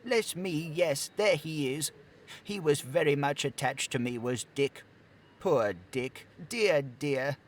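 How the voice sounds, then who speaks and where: An audiobook narrator voicing an old male miser who exclaims with excitement and fondness. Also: medium pitch, slow. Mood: excited, fond. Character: old male miser, reliving his youth. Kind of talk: audiobook character voice.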